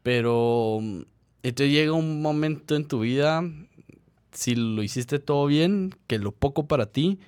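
A man's voice: mid-range voice, unhurried, a little mellow, clear, resonant tone, no echo. A young man talks in an easygoing, slangy way on a casual podcast. He explains his points with everyday examples. His voice is recorded dry and close. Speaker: podcast co-host. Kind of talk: casual chat.

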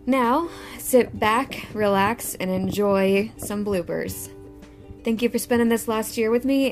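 A woman's voice: a little high, darkish tone. A young woman hosting her own podcast in a casual, chatty way, with lots of fillers and restarts. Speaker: podcast host. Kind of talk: casual solo podcast chat.

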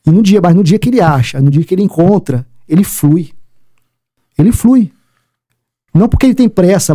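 Dark-voiced man giving testimony. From Rio de Janeiro, Brazil. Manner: emphatic storyteller who acts out dialogue and drops very low in emotional moments. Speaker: interview guest, military police sergeant. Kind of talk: personal faith testimony in an interview.

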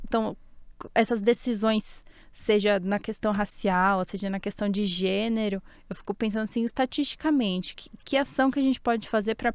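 A woman's voice: a little high, clear, resonant tone, dry recording, clean studio sound. A woman in a casual discussion, speaking thoughtfully and hedging with fillers.

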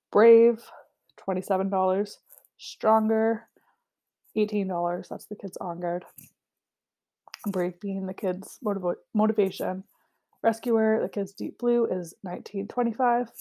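Gravelly-voiced woman chatting about products. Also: mid-range voice, warm tone. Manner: chatty, filler-heavy, lists prices. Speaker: essential oil seller. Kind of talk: casual product walkthrough.

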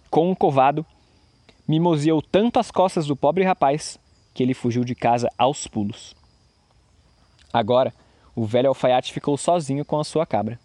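A man's voice: a little high, darkish tone, no room sound. A man narrating a fairy tale expressively, doing voices for the figures.

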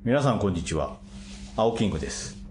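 A man's voice: on the low side, very animated, a little fast, a little mellow, slight background noise. A man co-hosting a casual podcast chat among acupuncturists, speaking politely and laughing often. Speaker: acupuncturist and co-host.

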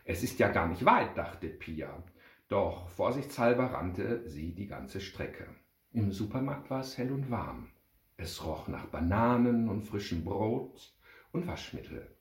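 A man's voice: lowish voice, big pitch swings, unhurried. A man expressively reading a children's story aloud, then addressing his friends. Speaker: reader and club speaker. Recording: roomy echo.

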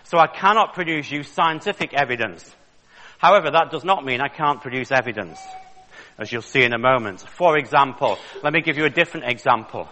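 This is a creationist's public lecture, joking and conversational, given by a man in his fifties from the north of England. His mid-range voice is animated and brisk with a sharp edge, echoing with the long reverb of a large lecture hall.

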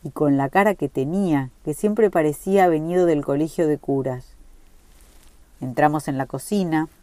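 A woman reading a short story aloud in a measured, reflective way. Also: deep voice, dark tone, no room sound. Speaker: reader.

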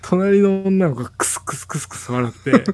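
An easygoing man in his forties with a Kansai accent, telling stories to old friends. His voice rises and falls freely, and he fills the gaps with steady little nods of agreement. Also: high-pitched, moderate pace. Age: 40s. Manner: easygoing storyteller, lots of nodding back-channel. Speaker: podcast co-host. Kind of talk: casual late-night chat among old friends.

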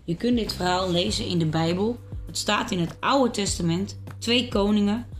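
A woman reads children's stories aloud in a calm, clear voice at an ordinary pitch. Her delivery is even and steady. Soft music plays faintly behind her. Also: normal speed. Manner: calm, clear storybook reading. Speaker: storyteller.

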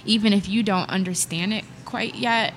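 A woman's voice: mid-range voice, steady tone, moderate pace, fairly bright tone, a little hiss or hum. A woman hosting a podcast in a casual, upbeat and emphatic conversational way. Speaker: podcast host, singer.

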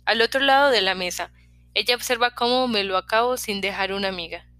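Woman audiobook narrator, bright, crisp, dry studio sound. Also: mid-range voice, a little fast, no room sound. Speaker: audiobook reader. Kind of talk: scripted first-person narration.

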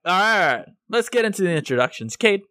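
A man's voice: high-pitched, big pitch swings, fairly quick, sharp tone, no room sound, clean studio sound. A man hosting a casual podcast over an online voice call, joking, rowdy and swearing freely. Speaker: podcast host. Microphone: voice chat over an online call.

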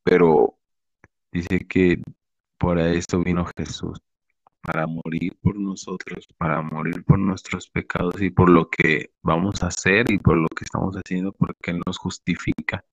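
Young guy with a low voice, heartfelt halting faith testimony, says bro and man a lot, dry close sound. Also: flat delivery, creaky, no room sound, highs cut off. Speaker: believer sharing a testimony.

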